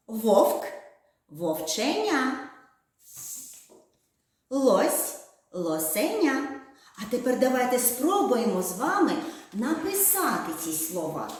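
A woman teaching a speech lesson to small children, drawing out her words in a slow, sing-song way. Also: medium pitch. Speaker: kindergarten teacher. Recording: very echoey room.

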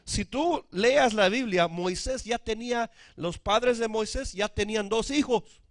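High-voiced pastor preaching. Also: male voice, measured pace, dry recording, clean studio sound. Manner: preaching with frequent calls for amen; mixes in English words. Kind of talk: sermon.

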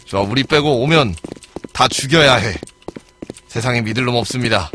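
A man streaming a game live and commenting as he plays, excitable, swearing and yelling at other players. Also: mid-range voice, moderate pace, slight background noise.

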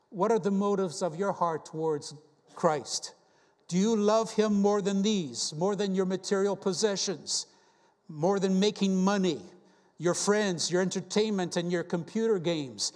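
Man, guest preacher, high voice, earnest rhetorical questions, long church reverb. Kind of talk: sermon. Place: church sanctuary.

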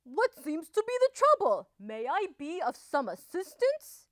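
A woman's voice: sits high, big pitch swings, slow, a bit bright, dry recording, studio quality, voice pushed up, full character voice. Woman playing an emphatic, earnest big wolf. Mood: polite. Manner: emphatic, theatrical, mannerly. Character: earnest, sensitive, hot-tempered big bad wolf, male.

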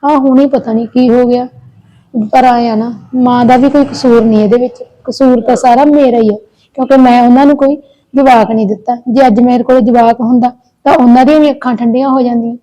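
A caring but anxious elder sister-in-law talks on earnestly, pleading and complaining in long runs, played by a woman. Her voice is fairly high and mellow. It is plain village short-film acting. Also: steady tone, brisk, close to an everyday voice, poor audio. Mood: worried, caring. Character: elder daughter-in-law, childless, kind and anxious.

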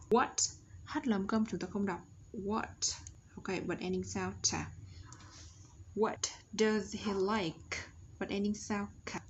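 A Vietnamese woman teaching English to young children online, drilling words slowly and stretching each sound for them to copy. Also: medium pitch, slight background noise. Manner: slow, exaggerated pronunciation drills.

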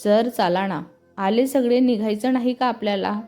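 A woman voicing a lively, chatty young woman who teases and fires off quick questions. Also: on the high side, soft background music, close to an everyday voice. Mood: excited. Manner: bubbly, teasing, quick questions.

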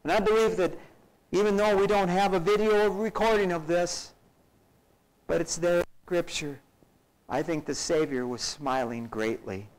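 A man's voice: high-pitched, normal speed, rough recording. A male pastor preaching a sermon, acting out scenes with shifting voices and dramatic drops to near-whispers. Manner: animated, acts out scenes with varied voices.

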